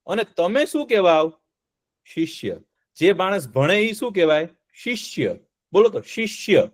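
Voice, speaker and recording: High-voiced man telling children a story. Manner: asks the children questions and repeats the answers, lively and playful. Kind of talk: interactive storytelling lesson for children.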